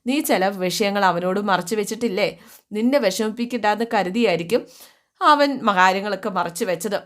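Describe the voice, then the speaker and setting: A woman voicing a worried older mother who gently scolds and counsels her grown daughter. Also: mid-range voice, moderate pace, close to an everyday voice. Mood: coaxing.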